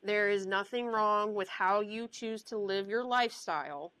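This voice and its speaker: A woman's voice: mid-range voice, measured pace, a bit bright, smooth, dry recording, rough recording. A young woman talks frankly on a podcast, handing out blunt advice. Her voice sits close and dry with no room sound. She drifts off track now and then and laughs her way back. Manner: frank, advice-giving, loses her train of thought. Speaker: podcast host. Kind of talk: casual chat.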